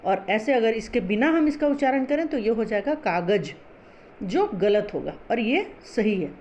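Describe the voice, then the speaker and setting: A woman teaching a Hindi class, explaining pronunciation slowly and patiently, spelling out sounds syllable by syllable. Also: fairly high pitch, very animated, darkish tone, dull audio, slight background noise.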